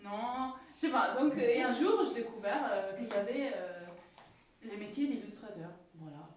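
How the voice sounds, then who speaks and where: Speaking at a moderate pace, an author-illustrator from Italy talks to a community hall audience in an Italian accent, casual and hesitant, with many fillers and restarts. Her voice is a little high and expressive. Slight background noise accompanies a distant recording in the echoey hall.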